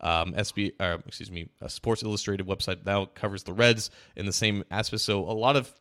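A man's voice: fairly low pitch, fairly even intonation, brisk, fairly bright tone. A man co-hosting a sports podcast, talking casually and telling stories with frequent restarts. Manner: chatty, storytelling, frequent restarts. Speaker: podcast co-host.

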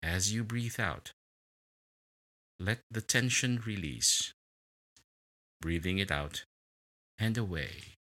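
A man leading a guided relaxation meditation in a slow, soothing way, with long pauses between words. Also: on the low side, sharp tone.

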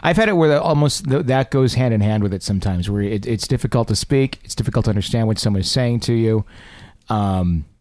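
A man's voice: on the low side, fairly quick, darkish tone, no room sound. A man hosting a talk show, speaking in a casual, conversational way into a close studio microphone.

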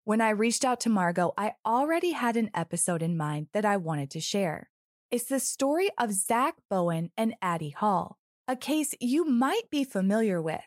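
Animated woman, podcast host. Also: mid-range voice, moderate pace, no room sound, studio quality. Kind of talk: scripted podcast introduction.

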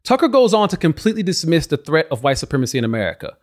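A man's voice: fairly high pitch, big pitch swings, very fast, darkish tone. A man delivering scripted political commentary as a host, with a sarcastic, mocking manner.

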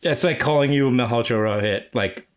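A man's voice: medium pitch, normal speed. A man co-hosting a podcast in casual chat. He is chatty, laughs easily and leads the segments. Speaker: podcast co-host.

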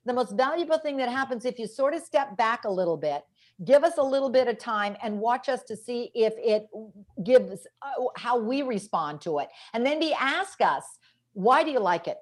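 Middle-aged woman, expert guest, higher-pitched, animated storytelling, acts out quotes. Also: normal speed. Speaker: guest expert, educational psychologist. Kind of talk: conversational interview.

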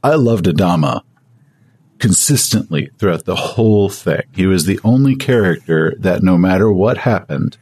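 A man with a very low, husky voice talks in a loose, rambling way, stumbling over filler words. The sound is dry and close, with a slight breathy grain to his voice. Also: expressive, moderate pace, a little mellow, no echo. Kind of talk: casual chat.

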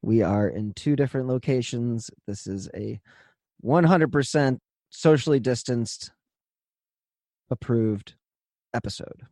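Male true crime podcast host, medium pitch, casual and conversational, recorded dry in a studio. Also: unhurried, pauses often, darkish tone, dry recording. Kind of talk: podcast introduction and casual chat.

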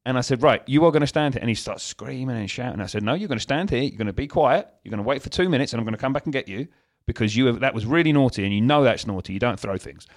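A man co-hosting a casual chat podcast, telling animated stories and acting out exchanges with his toddler. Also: mid-range voice, very fast. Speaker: podcast co-host.

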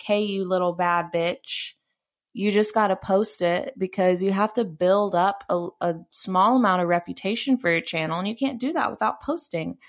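A young woman hosting a podcast, talking candidly and casually, swearing freely and laughing now and then as she gives advice from a bubble bath. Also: mid-range voice. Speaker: podcast host.

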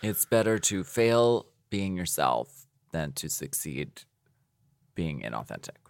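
A man from New York co-hosts a casual chat, teasing and playful with big exclamations. His voice is low but swings widely in pitch, and the recording is close and dry. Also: sing-song, takes it slowly, no echo. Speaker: podcast co-host.

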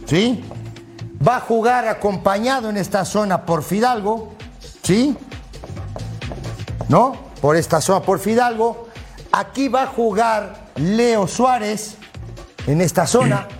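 A man analysing a football lineup on a sports panel, explaining step by step and checking in with quick tag questions. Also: high-pitched, faint music behind.

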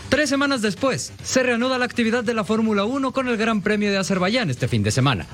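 A man's voice: sits high, expressive, quick pace. A man reading scripted sports news narration as a reporter. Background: background music.

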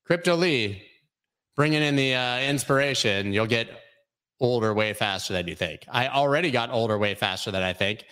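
A man's voice: mid-range voice, lively intonation, normal speed, pushed and bright, clear, resonant tone. A man in his forties hosting a casual crypto show, rambling and joking as he reads chat comments aloud. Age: 40s. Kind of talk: casual live-stream chat.

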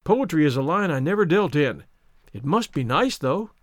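A man's voice: fairly high pitch, big pitch swings, normal speed, dry recording, studio quality. A male narrator playing a frank, homespun businessman who talks bluntly and eagerly. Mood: plainspoken. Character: frank, plain-spoken businessman promoter.

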